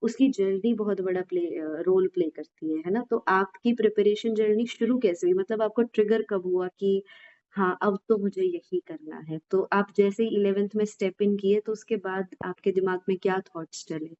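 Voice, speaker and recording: A woman's voice: medium pitch, fairly even intonation, normal speed, a little mellow. A woman hosting a podcast, asking questions and encouraging the guest with frequent agreeing murmurs. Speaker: podcast host. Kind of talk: casual interview questions. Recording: dull, lo-fi audio.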